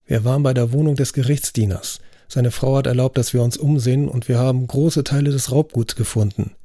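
A man voicing a gruff, skeptical middle-aged detective in an audiobook, blunt and grumbling. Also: medium pitch, steady tone, brisk, warm tone, no echo, studio quality, lightly acted.

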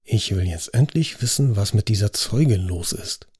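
A man's voice: medium pitch, normal speed, dark tone, no room sound, studio quality, natural voice. A man voicing a driven prosecutor in an audiobook, firm and authoritative. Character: commanding, driven male prosecutor.

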